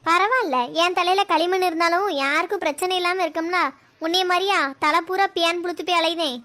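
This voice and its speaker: A cheeky teenage daughter, as a woman puts her on, bickers in a very high, bright voice. She answers back constantly and teases without pause. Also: steady tone.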